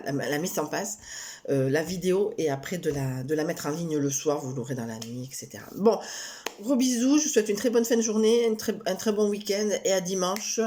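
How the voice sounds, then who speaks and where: Woman reading tarot on a casual vlog, rambles a lot, stops and restarts, giggles at her own jokes. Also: lowish voice. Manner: rambling with frequent hesitations and restarts; giggly and animated when joking. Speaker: tarot card reader.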